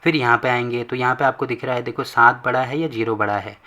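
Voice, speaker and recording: A man teaches a maths lesson in a bright, forceful voice. He explains each step patiently and repeats points often, asking questions and answering them himself. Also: mid-range voice, quick pace. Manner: patient, repetitive, asks and answers own questions.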